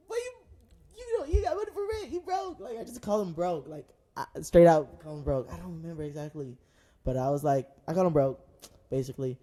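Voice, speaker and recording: Laughing, animated young-sounding man. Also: fairly high pitch. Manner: animated storyteller, laughs often, slangy. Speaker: podcast co-host. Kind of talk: casual chat.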